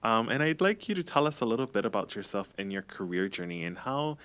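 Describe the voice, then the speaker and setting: Low-voiced man moderating a panel. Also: very animated, fast talker, a bit bright, clean tone. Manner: encouraging, interjects short affirmations. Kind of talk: hosting a panel discussion.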